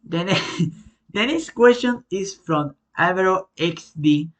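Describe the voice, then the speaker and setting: Spanish-accented man, slightly high voice. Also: lively intonation, fairly bright tone. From Spain. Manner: halting, with frequent fillers and self-corrections. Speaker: YouTube gamer answering viewer questions. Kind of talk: casual Q&A vlog.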